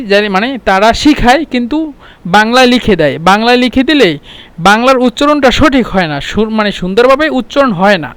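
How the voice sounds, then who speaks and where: A man from Bangladesh teaching Arabic in a casual spoken lesson, explaining with restarts and repeated words and slowing down to spell out Arabic words. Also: very high voice, a bit bright, clean tone, dry recording. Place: home.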